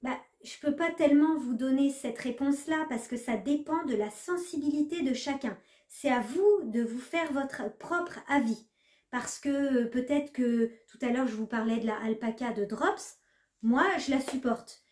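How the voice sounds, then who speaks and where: A slightly high-voiced woman talks casually to her viewers, chatty and full of small hesitations. The room around her is echoey. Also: normal speed, a little mellow. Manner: chatty, hesitant with many fillers. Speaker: knitting vlogger. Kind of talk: casual chat to camera.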